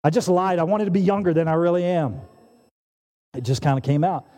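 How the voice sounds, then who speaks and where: A man in his forties preaching a sermon, animated and emphatic, often restarting his phrases. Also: sits high, a little fast. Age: 40s. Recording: long hall reverb.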